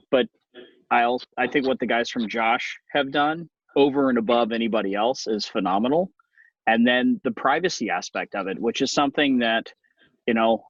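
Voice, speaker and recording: A man's voice: mid-range voice, no echo. Californian man chatting casually, dull lo-fi audio. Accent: Californian American. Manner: rambling, anecdotal, wry. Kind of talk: casual conversational talk.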